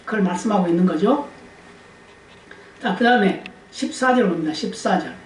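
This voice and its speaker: In a church sanctuary, a woman pastor delivers a Sunday sermon, quizzing the congregation and calling for amens. Her mid-range voice is animated and moves at a moderate pace. The distant mic picks up an echoey hall and faint hiss.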